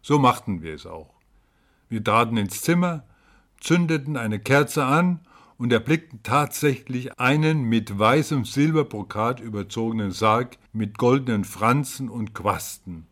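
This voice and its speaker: Brief: male storyteller, mid-pitched, theatrical reading of a ghost tale. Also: expressive, measured pace, a bit bright. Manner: dramatic, rising to cries at tense moments. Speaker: narrator.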